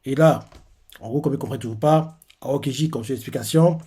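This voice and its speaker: A man's voice: medium pitch, mellow, husky. A young man casually retelling a manga chapter during a live reaction, hesitating often and padding his sentences with fillers. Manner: hesitant, filler-heavy retelling with many pauses.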